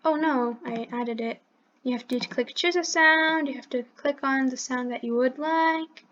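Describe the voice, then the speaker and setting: High-voiced woman talking through a coding tutorial. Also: unhurried, a bit bright, highs cut off. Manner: thinks aloud step by step, correcting herself as she clicks. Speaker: channel host teaching coding. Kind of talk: screen-recorded coding tutorial.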